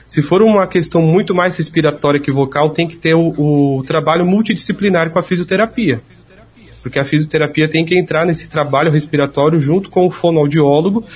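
A man, a speech therapist patiently explaining treatment step by step in an interview. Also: a little high.

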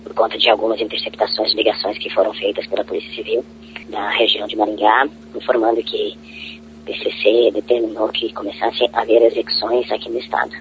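Anonymous guy w/ voice changer on, fast worried talk, flat tone, muffled lo-fi audio. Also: on the low side. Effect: voice altered by a voice changer. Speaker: prison guard, anonymous source. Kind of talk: news interview soundbite. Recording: dull lo-fi audio with faint hum.

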